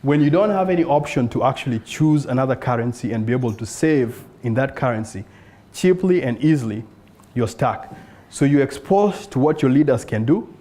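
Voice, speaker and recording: In front of an audience in an event room, a man from South Sudan gives a conference pitch for his startup. He sounds mellow and a bit dark, earnest and expressive at a moderate pace, and his pitch rises on rhetorical questions.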